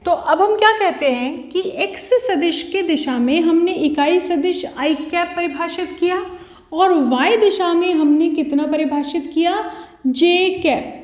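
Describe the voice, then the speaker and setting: A woman's voice: very high voice, unhurried, roomy sound. A woman teaching a physics video lecture, asking questions and answering them herself. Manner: asks and answers own questions.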